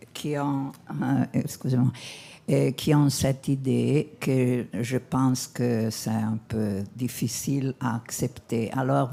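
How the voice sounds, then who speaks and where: Foreign accent in French, non-native, press conference question, hesitant word-searching, unhurried delivery, soft dark tone. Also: mid-range voice, creaky. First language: not French, speaks more English. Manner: halting, searching for words. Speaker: audience questioner.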